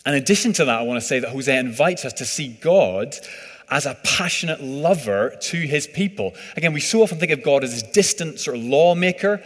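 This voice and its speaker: A man's voice: medium pitch, lively intonation, fairly quick. A man preaching a sermon in a conversational, hesitant way, full of fillers. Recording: reverberant hall.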